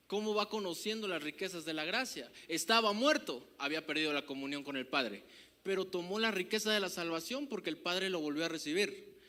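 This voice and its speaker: A man with a Mexican Spanish accent preaching a sermon as pastor, emphatic and rising to loud declarations, often asking the congregation to agree. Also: sits high. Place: church hall. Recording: live hall reverb.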